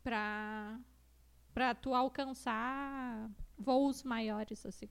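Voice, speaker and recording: A woman with a southern Brazilian gaúcho accent, a relaxed guest in a casual chat. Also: a little high, extremely slow, gravelly, clear, resonant tone. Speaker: guest, influencer.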